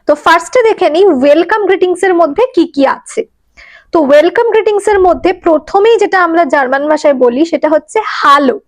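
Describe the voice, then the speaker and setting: Female language teacher with a high-pitched voice, relaxed and patient, asks learners questions. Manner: explains slowly, drawn-out German example words. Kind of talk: casual spoken lesson.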